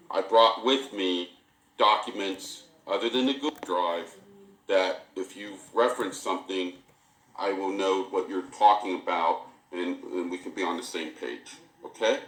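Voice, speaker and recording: A man with a deep voice runs a formal recorded interview as an investigator. He speaks haltingly and procedurally, often repeating himself. The sound is a dictaphone-style recording with clear room echo. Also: a bit bright. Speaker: police internal affairs interviewer. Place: indoor room. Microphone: tape recorder in the room.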